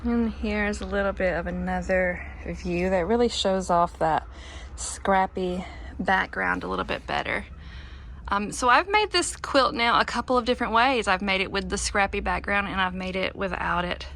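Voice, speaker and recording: A woman's voice: medium pitch, lively intonation, normal speed, gravelly, a bit bright, a little hiss or hum. A woman giving a casual, informal show-and-tell as a crafter, chatty and a little self-deprecating. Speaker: quilter presenting her own finished quilt.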